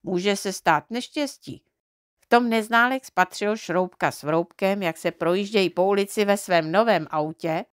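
A woman reading a children's storybook aloud in an expressive, measured way. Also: mid-range voice, no echo, clean studio sound. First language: Czech. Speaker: audiobook reader.

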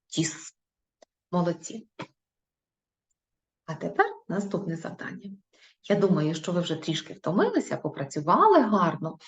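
A woman teacher giving a recorded video lesson to young children, praising them and reading words out slowly and clearly. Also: fairly low pitch. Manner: slow, clearly spoken dictation of syllables; encouraging, praising pupils.

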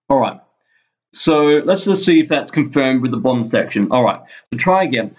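Here a man who teaches physics narrates a casual computer lesson indoors as a screen-recorded voice-over. His pitch is average, the sound muffled and low-fidelity, and he reasons out loud, piecing the explanation together haltingly bit by bit.

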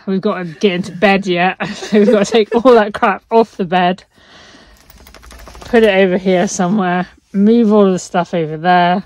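A woman in her thirties chatting casually to a handheld phone camera inside a small camper van at night, self-mocking and quick to laugh. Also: medium pitch, big pitch swings, darkish tone, no room sound. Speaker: vlogger. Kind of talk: casual vlog chat. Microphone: handheld phone camera at arm's length.

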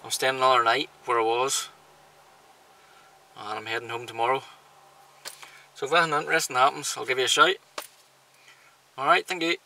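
Gravelly Northern Irish man vlogging outdoors. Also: mid-range voice, brisk, long pauses, rough recording. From Northern Ireland. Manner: easygoing, chatty, relaxed. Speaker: camping vlogger. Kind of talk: casual vlog talk to camera. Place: outdoors in a rural campsite and in a car. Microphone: handheld camera at arm's length. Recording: outdoor camera audio with wind and background noise.

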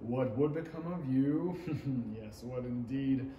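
With a medium-pitched, warm voice, a young man plays a muddled, self-pleased king at a slow pace, lightly acted and full of pompous hemming. The audio is dull, captured echoing from a small indoor theatre stage with faint noise, in a 1930s radio-play style.

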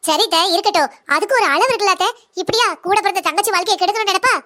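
A woman voicing a young, blunt and defiant daughter-in-law in a cartoon drama, speaking in a fast, lecturing way. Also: very high-pitched, bright, forceful tone.

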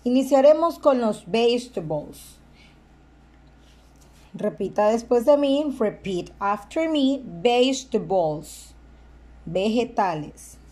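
A woman teaching a language lesson, slowly and deliberately repeating each word for the listener to echo. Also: on the high side, lively intonation, mellow. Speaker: English teacher. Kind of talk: slow bilingual vocabulary lesson.

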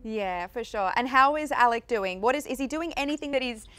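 A woman with a fairly high voice hosts an entertainment interview. She asks her questions in a friendly, upbeat way and moves the chat along with quick follow-ups. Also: lively intonation, a bit bright, clear, resonant tone. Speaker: entertainment show host.

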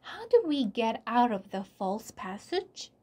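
Worried young boy trying to keep his nerve in a storybook, as a woman reads him, pitched a little higher, unhurried and earnest. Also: very animated, a little mellow. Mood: urgent. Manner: earnest, urgent storybook dialogue.

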